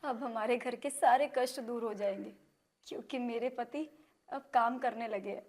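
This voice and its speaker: Give me a loving young village wife with a soft, slightly high voice. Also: female voice, normal speed. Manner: soft, affectionate. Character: devoted young village wife, tender-hearted.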